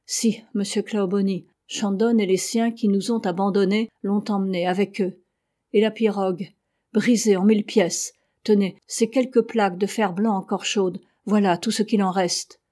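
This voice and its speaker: A woman voicing a loyal, gruff old male sailor in an audiobook, reading in an earnest, grave way. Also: mid-range voice, fairly even intonation, normal speed, dark tone, lightly acted.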